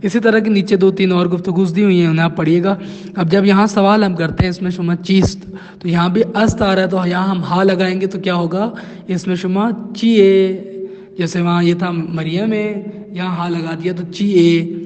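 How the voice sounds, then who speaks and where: A man teaching a language lesson from a textbook, explaining patiently and repeating example phrases slowly. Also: sits high, fairly even intonation, a little mellow, long reverb tail, dull audio.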